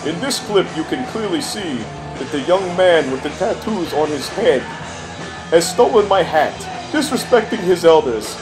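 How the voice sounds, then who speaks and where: An older man narrates in a comic, grumpy manner. His voice is fairly high and swings up and down a lot as he complains in folksy, exaggerated fashion. Music plays clearly behind him. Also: animated, normal speed, low-quality recording. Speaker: comic commentator. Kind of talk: comic narration over festival videos.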